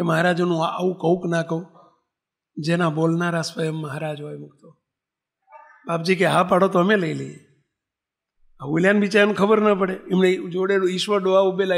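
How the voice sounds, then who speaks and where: Man, devotional storytelling sermon, asks the listeners questions, gravelly high voice. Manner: storytelling, voicing characters, asking the listeners questions. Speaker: spiritual leader telling a sacred story. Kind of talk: Gujarati devotional katha discourse.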